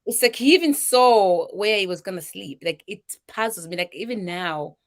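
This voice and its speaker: Here the Zambian charity founder, a middle-aged woman, shares her life story at normal speed and medium pitch. She is animated and emotional, with a Zambian accent, dramatizing what people told her.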